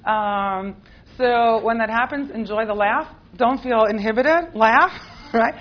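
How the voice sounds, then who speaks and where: An American-accented woman raised in Israel leads a class before a live group, joking around with plenty of fillers and laughs. She speaks slowly at a fairly high pitch, and the recording has its highs cut off.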